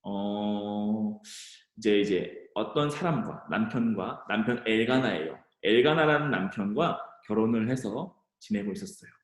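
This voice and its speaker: A man preaching to middle schoolers, retelling a Bible story in an animated, conversational way. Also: lowish voice, a little slow. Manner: animated storytelling, addressing teens directly. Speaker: youth pastor. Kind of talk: youth sermon. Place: church. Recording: echoey church hall.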